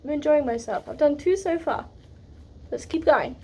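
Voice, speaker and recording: A woman's voice: high voice, moderate pace, warm tone. A woman chatting casually on camera while she does hands-on work converting a bus, upbeat and talkative. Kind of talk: casual vlog narration.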